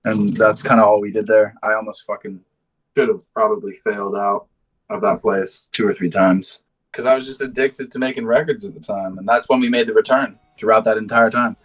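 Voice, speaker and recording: Interviewed about his band, a twentysomething Londoner who moved to the States in high school speaks fairly quickly in a fairly low, steady, slightly bright voice. He tells his stories casually, full of slang and swearing, over a low-quality recording.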